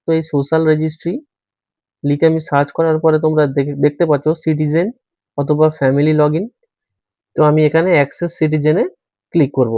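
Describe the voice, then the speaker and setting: A man's voice: a little high, level tone, brisk, pauses often, no room sound. Patient man explaining step by step. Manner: patient, step-by-step explaining, addressing viewers as friends. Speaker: tutorial host. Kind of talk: screen-recorded how-to walkthrough. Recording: dry, slightly dull voice-over.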